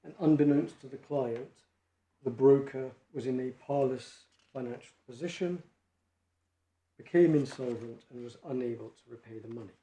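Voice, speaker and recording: A barrister making a measured legal argument in court, reading quoted passages from judgments. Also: male voice, medium pitch, dark tone. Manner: measured, reads quotations from case law. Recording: echoey courtroom, faint noise.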